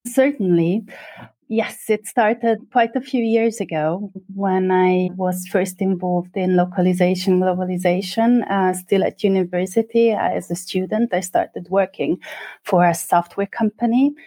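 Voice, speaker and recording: Hungarian woman in her forties, lowish warm voice, measured interview guest. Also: fairly even intonation. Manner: measured, with thoughtful pauses and restarts.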